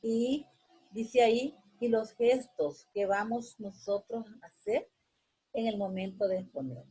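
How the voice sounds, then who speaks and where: Here a female teacher speaks unhurriedly in a slightly high, mellow, husky voice over a rough recording. Explaining her lesson patiently through everyday examples, she often ends sentences with a questioning tag and leans on hesitation fillers.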